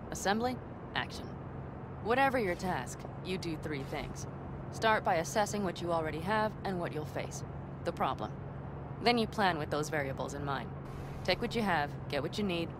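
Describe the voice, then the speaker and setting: Actress as a low-voiced, blunt young outlaw woman. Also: expressive, normal speed, close to an everyday voice. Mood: wry, instructive. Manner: blunt, matter-of-fact, dry. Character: tough, practical, confident young female outlaw driver. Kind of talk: video game voice acting. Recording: clear vehicle noise behind voice.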